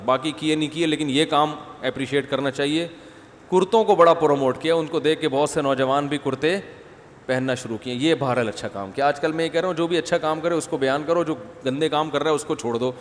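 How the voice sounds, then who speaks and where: A man with a fairly high voice gives a conversational religious lecture to a gathering in a mosque. He mixes firm advice with light, humorous wordplay and rhetorical questions. His voice carries a long hall reverb over a faint background hum. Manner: informal asides and rhetorical questions to the audience. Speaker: religious scholar giving a lecture. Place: mosque gathering after night prayers.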